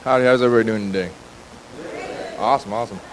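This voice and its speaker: A young man from Texas gives a cheerful introduction to a church. He rattles the words off quickly in a low voice, over a faint hiss. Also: fairly even intonation, rough recording. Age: 20s. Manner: upbeat greeting, quick delivery.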